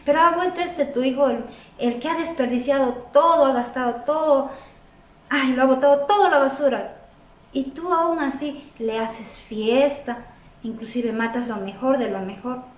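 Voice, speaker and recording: A resentful older brother in a children's Bible story airs his grievances with indignation, as a woman voices him. The voice is high and sounds distant in an echoey room. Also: moderate pace, close to an everyday voice. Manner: complaining, indignant.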